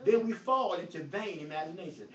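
A pastor with a high voice speaks a little fast at a Bible study, preachy and emphatic, his volume climbing and dropping, and he says he stutters. The lo-fi audio comes from a phone on the far side of an echoey church hall, making him sound dull, faint and lightly hissy.

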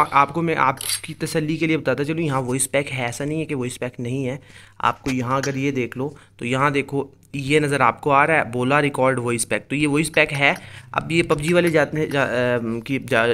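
A gaming video host with a medium-pitched, slightly bright voice casually walks his viewers through things as he plays, talking straight to them. His screen-recorded game commentary is explanatory, and slight background noise can be heard.

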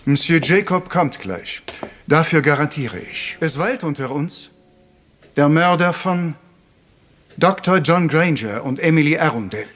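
Hercule Poirot, high-voiced, courteous detective. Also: male voice, expressive, fairly bright tone. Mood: confident, revealing. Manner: courteous, deliberate, peppering speech with French words. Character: polite, theatrical little Belgian detective, patient and self-assured. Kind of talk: retro German crime radio play. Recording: music under the voice.

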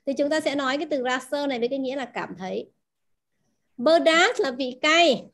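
A Vietnamese-speaking woman leads a language class, explaining vocabulary, quizzing her students often and repeating the key words. Her voice is high, her pace fairly quick and her tone fairly bright.

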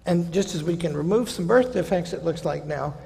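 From the podium of a large lecture hall stage, a college president in his sixties gives a seminar lecture, conversational in tone with wry asides and slowing down for quoted passages. His fairly high voice is a little mellow with vocal fry, picked up by a podium microphone amid hall reverb.

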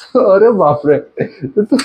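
A man's voice: high voice, lively intonation, takes it slowly, highs cut off, a little hiss or hum. A young man in a casual home vlog, teasing and chuckling as he talks to his viewers. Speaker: vlogger, husband doing a prank.

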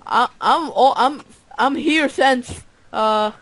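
A man's voice: very high-pitched, slow pace, a bit bright. A man chatting while gaming, confused and complaining, swearing at times. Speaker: co-player. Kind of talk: casual gaming chat.

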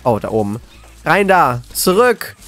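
A man with a fairly high, very animated voice plays the scared horror game streamer. He is jittery and excitable, repeating words as he reacts live. Music plays faintly behind him. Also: measured pace. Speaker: gaming video creator.

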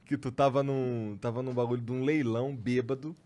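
A man's voice: mid-range voice, fairly even intonation, brisk, background noise. A man hosting a podcast, prompting his guest with short questions in casual chat. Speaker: podcast host.

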